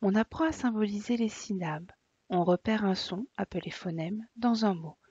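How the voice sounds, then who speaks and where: A woman teacher calmly explaining to parents, in a soft, partly whispered way. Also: medium pitch, moderate pace, slightly rough, no room sound. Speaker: preschool teacher. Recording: dull lo-fi dry sound.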